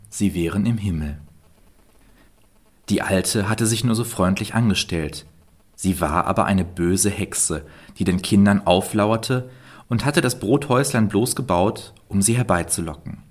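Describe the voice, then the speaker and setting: Low-voiced guy reading a fairy tale, calm and steady. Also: husky. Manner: calm, measured storytelling. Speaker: storyteller.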